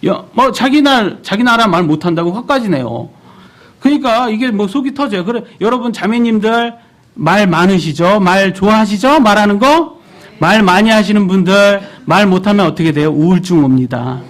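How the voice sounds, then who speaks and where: A man's voice: high voice, normal speed. A man in his thirties preaching a sermon in church, asking the congregation questions as he goes. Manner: animated, asks the congregation questions.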